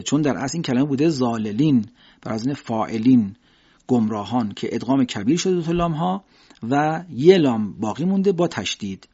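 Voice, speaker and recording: Man, recitation teacher, husky voice, slow drawn-out examples, muffled lo-fi sound. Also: medium pitch, darkish tone. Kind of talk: instructional explanation with recited examples. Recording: dull lo-fi recording.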